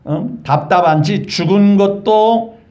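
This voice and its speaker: Male pastor, high voice, lively sermon storytelling that keeps asking the congregation questions. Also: slow pace. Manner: animated, asks the congregation rhetorical questions. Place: church.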